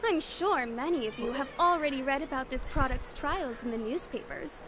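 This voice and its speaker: An actress voicing a female store announcer who greets customers and launches a new product in an upbeat, polished sales-pitch manner. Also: normal speed, background noise, close to an everyday voice. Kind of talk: supermarket-style announcement to customers.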